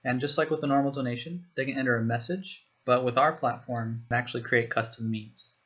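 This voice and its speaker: A man giving a screen-recorded software walkthrough, explaining each step plainly. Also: mid-range voice, brisk, muffled recording. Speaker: software demo presenter.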